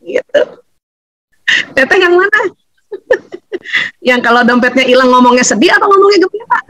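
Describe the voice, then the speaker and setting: Brief: middle-aged woman seminar speaker, higher voice, chatty and animated, dry close sound. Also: moderate pace, no room sound, low-quality recording. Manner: animated, chatty, laughs often, acts out quotes. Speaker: seminar speaker on family relationships. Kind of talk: lively seminar talk.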